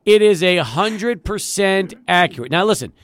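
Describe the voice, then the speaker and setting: A man's voice: high voice, lively intonation, moderate pace, a bit bright, dry recording. A man hosting a sports talk show, prompting his guest to tell his stories and asking him follow-up questions. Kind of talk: casual talk show chat.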